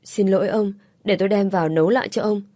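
A woman's voice: mid-range voice, fairly even intonation, fast talker, warm tone, no echo, studio quality, close to an everyday voice. A woman reading a timid young housemaid. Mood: meek. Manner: timid, deferential. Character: young housemaid, meek and worried.

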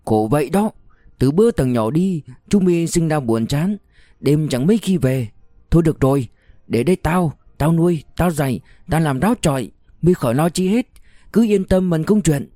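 A man's voice: on the high side, animated, normal speed, dark tone, no room sound, studio quality, faint music behind, voice pushed up, close to an everyday voice. A man voicing a talkative older rural aunt who chatters and scolds. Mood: fretful scolding.

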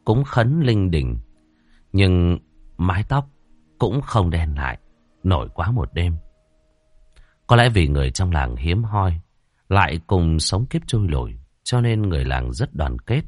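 Deep-voiced man narrating a ghost story. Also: a little mellow, no room sound.

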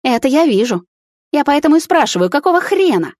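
A woman's voice: expressive, fairly quick, dry recording, close to an everyday voice. A woman voicing a furious, jealous young woman who screams and sneers in an audiobook. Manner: shrill, screaming, scornful. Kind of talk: audiobook character voice.

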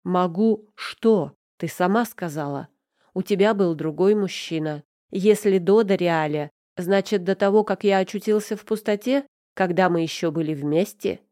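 A woman's voice: fairly low pitch, moderate pace, mellow, no echo, clean studio sound, natural voice. A woman voicing a proud young man who is bitter and hurt by his lover, asking reproachful questions, in an audiobook. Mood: cold.

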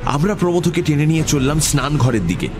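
A man narrating an audiobook story in a measured storytelling manner. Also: a little high, big pitch swings, noisy background. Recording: music bed under voice.

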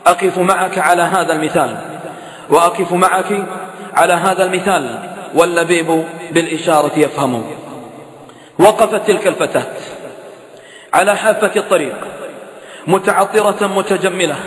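A man with a high, ringing voice delivers an impassioned sermon, pleading with his listeners. Long reverb trails after each phrase, as if he is in a large echoey hall. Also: fairly bright tone. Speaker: preacher. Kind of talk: emotional sermon.

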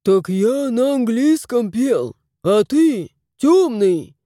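A woman's voice: a little high, sing-song, slow, mellow, dry recording, clean studio sound. A woman voicing a lazy, smug plump male house cat who drawls and teases. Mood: teasing. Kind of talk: audiobook character voice.

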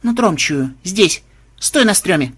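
Guy doing a sly bossy rogue girl from a storybook, short dry lines, kinda husky. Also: high voice, lively intonation, measured pace, fairly bright tone, no room sound, pitched above the performer's own voice, full character voice. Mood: brisk, commanding. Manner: curt, commanding, wry. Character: bossy, cunning young woman rogue, dry and commanding.

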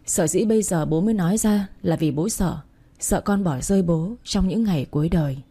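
A woman voicing a dying middle-aged father who talks slowly, weary and apologetic. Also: on the low side, dark tone, husky. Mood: weak, pleading.

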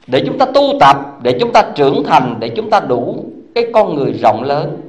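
Buddhist monk, sermon to congregation, rhetorical questions, very animated pitch. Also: male voice. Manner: chuckles as he talks. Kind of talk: dharma talk to a congregation.

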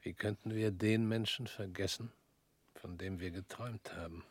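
In a radio play, a male actor voices a weary former prosecutor, measured and probing, occasionally sinking to a near whisper. His voice is fairly low, steady and slightly rough, with no echo.

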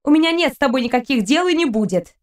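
A furious young captive woman, voiced by the reader, pitched a little high. She fires back indignantly and sharply. It is a storybook reading. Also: animated, quick pace.

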